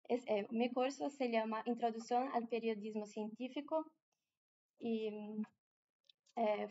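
In a lo-fi recording with slight hiss or hum, a Brazilian woman delivers a conference presentation in a large room. Her fairly high voice has a dark tone and a Portuguese accent, and she proceeds carefully, often hesitating and restarting.

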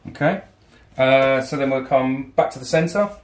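A man explaining his tabletop army and its rules in a steady, hesitant way at home. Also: medium pitch, measured pace. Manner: steady, reads out unit rules with hesitant ums. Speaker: opposing wargame player. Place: home room with a wargame table. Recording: roomy echo.

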